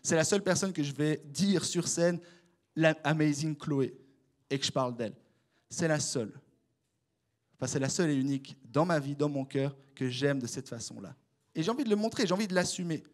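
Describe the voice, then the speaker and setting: Lively young male preacher, Swiss French. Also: on the high side, a little fast. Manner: animated, conversational, addresses the congregation directly. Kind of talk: casual sermon.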